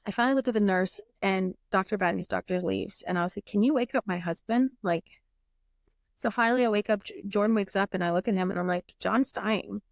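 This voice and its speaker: A young woman with a gravelly, creaky edge to her voice tells a painful personal story in a candid, raw way, acting out each exchange and letting the odd curse slip. The sound is close and dry, with no room around it. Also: mid-range voice, brisk, dry recording. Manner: emotional, candid, swears, reenacts dialogue. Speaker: podcast host. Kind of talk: casual podcast storytelling.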